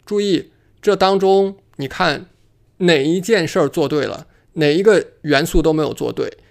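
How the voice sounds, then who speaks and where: A man presenting an instructional monologue as an investing coach, making his points emphatically and deliberately. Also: on the high side, vocal fry. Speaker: host and real estate investing coach.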